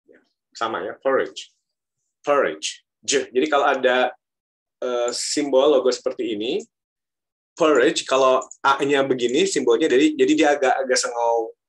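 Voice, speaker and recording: A man's voice: mid-range voice, normal speed. Indonesian-accented male lecturer. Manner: mixes Indonesian and English, repeats words to model them. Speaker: university lecturer. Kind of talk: pronunciation lesson.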